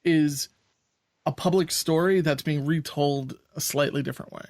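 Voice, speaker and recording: This podcast co-host speaks at a moderate pace in a slightly high voice with a darkish tone and fairly even intonation. In casual chat he is blunt and opinionated yet easygoing, quick to laugh, and the studio-quality recording has no room sound.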